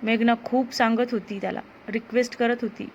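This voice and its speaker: A woman storyteller reading a romance story aloud in a steady, plain way. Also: fairly high pitch, brisk, highs cut off, a little hiss or hum. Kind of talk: scripted story narration.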